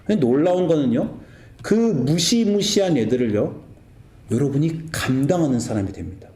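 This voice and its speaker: Animated pastor preaching in an echoey hall. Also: male voice, fairly high pitch, moderate pace. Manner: lively preaching, acting out scripture and family quarrels in raised voices. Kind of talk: sermon.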